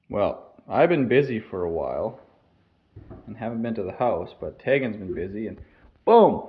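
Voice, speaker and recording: A young man with a low-pitched voice chats through his building project and explains each step as he goes. The audio is dull and slightly muffled, recorded outdoors on site. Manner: chatty, explains the work as he goes. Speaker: vlog host building a home. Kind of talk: casual build-update vlog.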